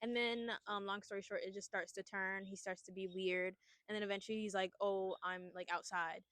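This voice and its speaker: A woman's voice: medium pitch, flat delivery, a little fast, a bit bright, no room sound. A young woman co-hosting a podcast, casually retelling a horror movie plot in a chatty, rambling way. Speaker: podcast co-host. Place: outdoors at a picnic.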